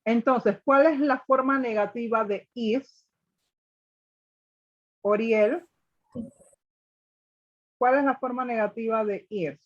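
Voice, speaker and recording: A woman's voice: on the high side, slow pace, long pauses, highs cut off. A woman teaching an online English grammar class, explaining step by step and checking in with students. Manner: patient, step by step, often checking with "ok?". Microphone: video call.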